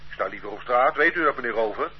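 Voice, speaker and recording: This medium-pitched, slightly rough male voice talks fast, playing a suspect in a radio play: a relaxed older street loiterer who's talkative and confused by the charges. He sounds lively, folksy and protesting, over a dull lo-fi track with faint hiss.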